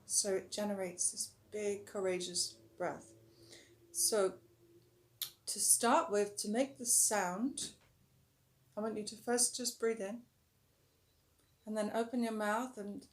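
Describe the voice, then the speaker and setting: Guiding listeners through a yoga breathing exercise, a woman speaks calmly and instructively in a mid-range voice that's slightly rough today. Now and then she slows her words and drops to a softer tone.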